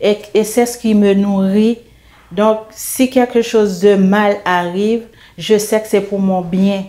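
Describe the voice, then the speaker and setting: A middle-aged woman speaks slowly and evenly, her voice mellow and dark with little rise or fall. She shares an earnest faith testimony, hesitating and repeating words as she gathers her thoughts. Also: medium pitch, fairly even intonation. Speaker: interview guest giving a testimony.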